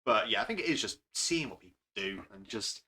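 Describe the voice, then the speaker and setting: Bright-toned male game master in a loose, rambling chat, quick to laugh at himself. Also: fairly low pitch, expressive. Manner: rambling, self-deprecating, laughs often. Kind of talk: casual podcast chat.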